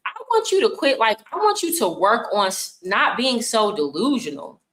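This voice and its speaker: A woman's voice: on the high side, huge pitch swings, moderate pace, fairly bright tone, reverberant, low-quality recording. A young woman, streaming and commenting bluntly on clips in casual talk. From United States. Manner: blunt, scolding, talks over clips.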